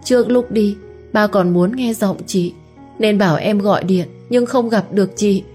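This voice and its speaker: A woman's voice: mid-range voice, normal speed, a little mellow, faint music behind, natural voice. A woman voicing a frightened young woman who pleads through tears to her older sister. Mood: tearful. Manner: tearful, pleading.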